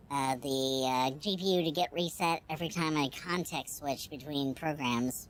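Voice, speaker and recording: A male streamer chatting casually through a high-pitched chipmunk voice filter, rambling with many fillers. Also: a bit bright, a little hiss or hum. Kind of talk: casual live-stream chat.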